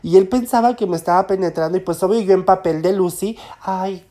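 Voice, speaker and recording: A man casually telling an anecdote, lively, acting out the voices he quotes. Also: high voice, quick pace, noisy background. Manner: lively, laughs often while telling. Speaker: storyteller guest.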